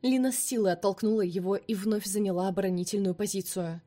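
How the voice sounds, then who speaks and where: A woman narrating an audiobook in a steady, dramatic reading. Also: mid-range voice, quick pace. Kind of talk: expressive scripted narration.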